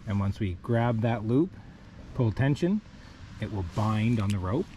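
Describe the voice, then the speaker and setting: Filmed by a body-worn camera, a man with a low, warm, expressive voice talks unhurriedly through a step-by-step kayak rescue rigging demo. He works the ropes by hand on a rocky riverbank, explaining in a plain, methodical way, and there is a little background noise.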